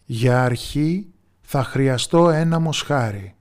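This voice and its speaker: A man voicing a wise old village woman in a storybook tale, speaking calmly and with certainty. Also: mid-range voice, close to an everyday voice. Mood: calm resolve. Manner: calm, steady, confident.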